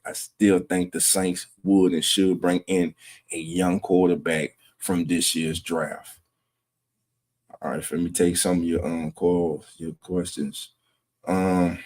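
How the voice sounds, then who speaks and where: A laid-back man hosts a fan livestream, reading the chat and greeting viewers by name. His voice sits on the low side. He takes his time and often chuckles as he talks. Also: a little mellow. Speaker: host of a fan sports livestream. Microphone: streaming setup.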